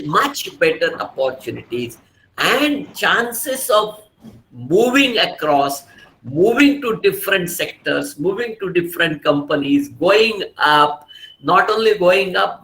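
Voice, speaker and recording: High-pitched Indian man lecturing, echoey room. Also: sharp tone. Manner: emphatic, repeats key words, switches between English and Hindi. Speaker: guest lecturer. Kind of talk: motivational career lecture to students. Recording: echoey room, faint background noise.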